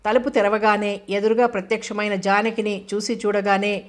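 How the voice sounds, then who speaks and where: A woman reads a novel aloud as audiobook narration, steady and measured. Her voice sits at a middle pitch with very little melodic movement. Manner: steady, level reading.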